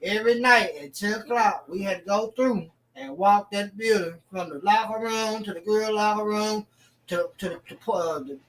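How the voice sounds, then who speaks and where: Halting man, distant on the line. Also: sits high, fairly bright tone. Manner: halting, repeats words while searching. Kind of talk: casual chat.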